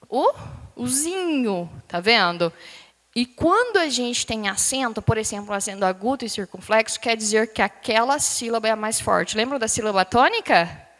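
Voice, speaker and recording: Lively teacher in a big echoing hall. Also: female voice, fairly high pitch. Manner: lively, questioning the class, drawing out words. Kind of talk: live classroom lecture. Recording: long hall reverb.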